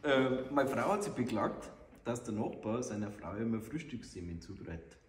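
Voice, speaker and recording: A man's voice: medium pitch, big pitch swings, normal speed. A man telling jokes in casual banter as a comedy co-host. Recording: echoey room, faint noise.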